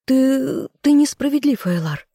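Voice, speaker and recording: An audiobook reader voicing a furious, spiteful noblewoman, the king's sister, who scolds in sharp outbursts. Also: expressive, breathy edge, no room sound, studio quality. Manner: shrill, scolding, quick outbursts. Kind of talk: audiobook role reading.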